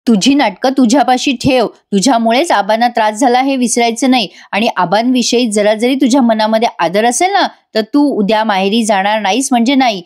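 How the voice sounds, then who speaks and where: A woman's voice: fairly high pitch, fairly quick, few pauses, darkish tone, close to an everyday voice. A woman voicing a stern, domineering older woman of the household, commanding and scornful.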